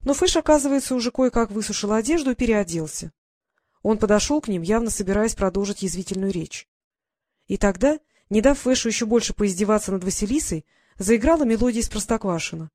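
Female audiobook narrator, mid-pitched, steady expressive reading, dry. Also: a little fast, no echo.

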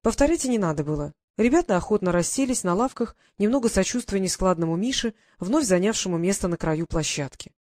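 A woman narrating an audiobook in a measured, even reading. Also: mid-range voice, dry recording, studio quality. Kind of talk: scripted narration.

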